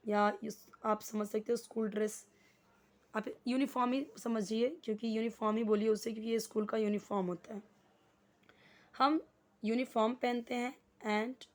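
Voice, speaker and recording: A woman teaching grammar, explaining in Hindi and reading examples slowly and deliberately. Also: fairly high pitch, a little mellow. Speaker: English teacher. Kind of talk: slow classroom explanation.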